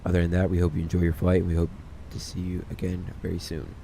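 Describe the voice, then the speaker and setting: Man, captain's announcement from the cockpit, headset mic, dark mellow tone, faint hiss. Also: sits low, monotone, quick pace, vocal fry. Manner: raised, formal announcer delivery. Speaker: flight sim streamer playing captain.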